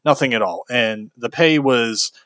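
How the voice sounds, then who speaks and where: A man's voice: medium pitch, measured pace, a bit bright, smooth, dry recording. A young man from Kentucky telling a frank, casual story about a bad job, venting with fillers and the odd curse. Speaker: video host.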